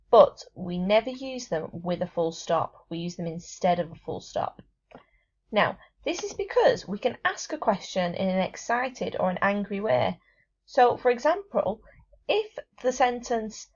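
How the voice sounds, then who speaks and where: A woman teaching a remote lesson to young children, clear and encouraging, reading descriptions aloud with expression. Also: a little high, lo-fi sound. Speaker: primary school teacher.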